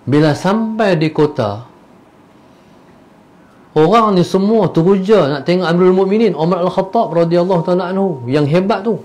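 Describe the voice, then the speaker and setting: A man giving a religious lecture as a storyteller, moving between loud bursts and soft asides. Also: high-pitched, normal speed. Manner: animated, acts out the characters' voices. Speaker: religious teacher.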